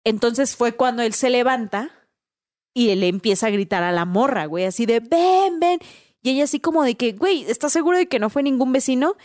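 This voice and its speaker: A woman with a Mexican accent, telling a story in a casual, animated way, full of slang and tag questions. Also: a little high, fairly quick, no echo, studio quality. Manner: animated, slangy, tags lines with "¿no?" and "güey".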